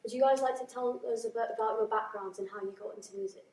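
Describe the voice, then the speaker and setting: A woman's voice: on the high side, steady tone, fast talker, darkish tone. A woman steward interviewing musicians at a conference, upbeat and encouraging. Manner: upbeat, frequent encouraging backchannels. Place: busy conference venue. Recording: roomy and distant.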